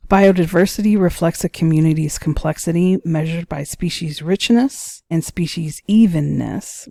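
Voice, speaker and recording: Gravelly, mellow woman giving a biology lecture. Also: deep voice, dry recording, clean studio sound. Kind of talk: scripted lecture narration with brief asides.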